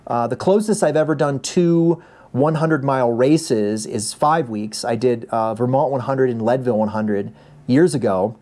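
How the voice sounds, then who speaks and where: A man's voice: medium pitch, normal speed, warm tone. A man in his mid-forties telling a story in a chatty, casual vlog update, restarting his sentences often. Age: 40s. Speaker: vlogger, ultrarunner.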